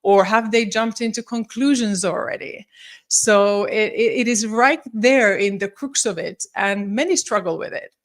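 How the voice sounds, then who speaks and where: With a mid-range voice and a somewhat slow delivery, a Finnish woman in her forties gives a live-streamed talk as a psychologist and leadership coach. She is friendly, slightly formal in wording, and frequently restarts or says um.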